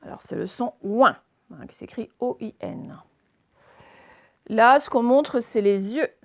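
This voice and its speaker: A woman teaching a phonics reading lesson, sounding out letters slowly and deliberately and putting questions to her young listeners. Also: fairly high pitch.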